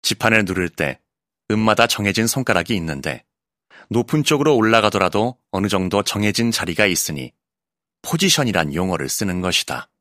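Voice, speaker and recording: A male voice actor reading an essay audiobook in a calm, clear narrating voice, recorded close in a studio booth. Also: lowish voice, fairly quick, dry recording. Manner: calm, clear narration with lively, expressive intonation.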